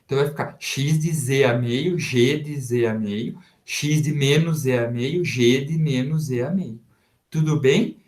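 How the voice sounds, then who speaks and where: A man's voice: medium pitch, darkish tone. Man, Brazilian Portuguese accent, professor, recorded math lecture, asks questions and answers them himself, echoey room. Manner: slow step-by-step explaining with rhetorical questions to students. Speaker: university professor. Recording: roomy echoey sound.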